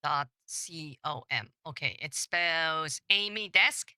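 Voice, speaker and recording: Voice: mid-range voice, lively intonation, slow pace, bright, forceful tone, clean tone, dry recording. A woman's voice through a voice changer, a scambaiter talking casually and hesitantly as she plays along on a call with a scammer. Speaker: scambaiter posing as a victim. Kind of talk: live-streamed call with a scammer.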